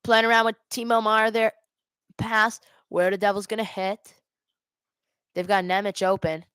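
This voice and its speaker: A woman with a clear, smooth, slightly bright voice of medium pitch calls a hockey game live at normal speed with little pitch movement. As a watch party host, she blends play-by-play with casual chat, recorded dry and close on a headset mic.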